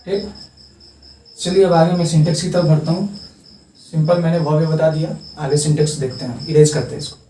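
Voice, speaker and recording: A young man teaching English grammar as a tutor, repeating terms slowly and stressing how they are pronounced. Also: a little high, mellow, a little hiss or hum. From India. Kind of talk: classroom lesson at a board. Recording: echoey room, distant mic, faint crickets.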